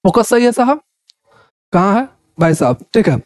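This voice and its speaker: High-voiced chatty male Sanskrit teacher. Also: sing-song, moderate pace, no echo, studio quality. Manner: chatty, keeps asking "है ना" and addressing listeners as "भाई साहब"; repeats words while explaining. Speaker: Sanskrit teacher for Ayurveda students. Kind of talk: casual explanatory lecture.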